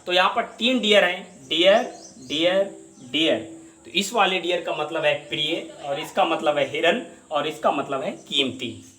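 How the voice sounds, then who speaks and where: A man explaining English words and their meanings in a patient lesson, repeating each word slowly. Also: a little high, animated, bright, forceful tone. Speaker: English vocabulary teacher.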